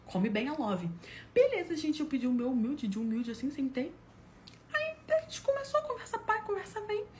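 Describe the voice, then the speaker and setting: A woman's voice: high-pitched, moderate pace, slight background noise. A woman from Brazil telling comic personal stories in a casual way, laughing and acting out what people said. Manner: animated, laughs at her own story, acts out quotes. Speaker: storyteller.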